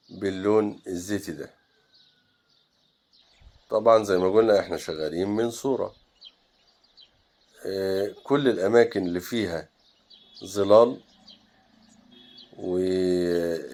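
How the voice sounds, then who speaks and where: A man with a fairly low voice and an Egyptian Arabic accent walks viewers through painting a landscape. He speaks calmly and breaks off with short fillers while he mixes colors. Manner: thinks aloud while mixing paint, with pauses and fillers. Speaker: painting teacher. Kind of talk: relaxed step-by-step painting tutorial.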